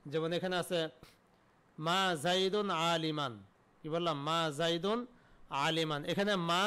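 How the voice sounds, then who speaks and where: A man's voice: high-pitched, a bit bright, smooth. A man teaching an online Arabic grammar lesson. He asks questions and answers them himself, repeating key terms.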